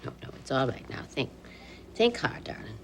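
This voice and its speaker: An actress playing a woman softly and patiently coaxing a small child, in a 1980s daytime soap. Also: extremely low pitch, sing-song, normal speed, slight background noise. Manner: gently coaxing, soft.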